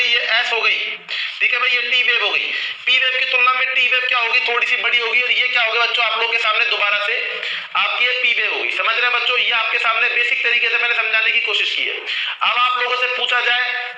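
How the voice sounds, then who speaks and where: A man's voice: extremely high pitch, bright, forceful tone, echoey room, rough recording. A man teaching a live online nursing class, who keeps asking his students questions and then answering them himself, and calls them children.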